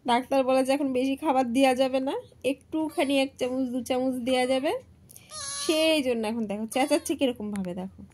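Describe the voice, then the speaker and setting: A woman's voice: high voice, quick pace, darkish tone, a little hiss or hum. A woman filming her pet at home near the kitchen, talking in an exasperated way and telling the viewer to look again and again. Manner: exasperated, keeps saying "look". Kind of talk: casual home video chat.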